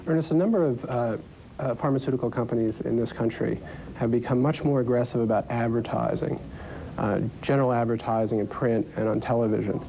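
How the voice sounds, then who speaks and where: A male journalist poses long, hesitant interview questions in a mellow voice. It has plenty of vocal fry and a faint rumble of noise behind it. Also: steady tone, a little fast, low-quality recording.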